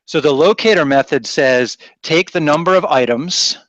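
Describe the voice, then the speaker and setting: A man's voice: on the high side, moderate pace, fairly bright tone, no room sound. A man from Rhode Island with a faint accent, teaching a math class in a chatty, teasing way and thinking aloud. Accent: faint Rhode Island, mostly softened. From Rhode Island, USA. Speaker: math instructor. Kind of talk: classroom lecture.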